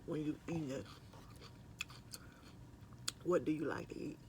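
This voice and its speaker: On his lunch break at work, a middle-aged mukbang vlogger eats and rambles conversationally to viewers, sometimes with his mouth full. His voice is mellow and fairly high, his pace slow, with slight background noise.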